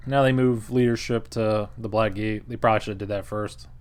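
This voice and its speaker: A man's voice: on the low side, steady tone, a little fast, a little mellow, smooth. A man giving a casual, wry recap of a board game he played, often laughing and quoting the table. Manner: wry, chuckling, acts out table quotes.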